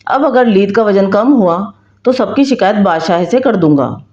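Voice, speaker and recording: A woman's voice: mid-range voice, expressive, moderate pace, a little mellow, natural voice. A bossy, crafty crooked clerk read by a woman. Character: crafty, dishonest male clerk. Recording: roomy, slightly dull recording.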